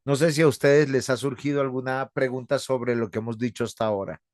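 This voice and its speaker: A man's voice: medium pitch, steady tone, no echo, studio quality. Earnest male pastor lecturing. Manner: measured, earnest, addresses students as brothers. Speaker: pastor teaching a seminary class. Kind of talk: online theology lecture with class discussion.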